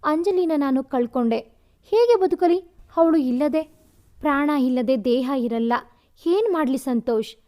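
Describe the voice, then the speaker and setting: Storybook lover: a pleading, grief-stricken young man, read by a woman with a high voice. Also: animated, measured pace, dark tone. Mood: despairing. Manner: pleading, despairing.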